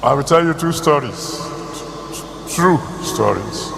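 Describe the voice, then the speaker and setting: A man with a Nigerian accent preaching a sermon to a congregation, phrasing deliberately and repeating words for emphasis. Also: fairly high pitch, lively intonation, gravelly. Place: large hall, church service. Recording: echoey hall, loud background noise.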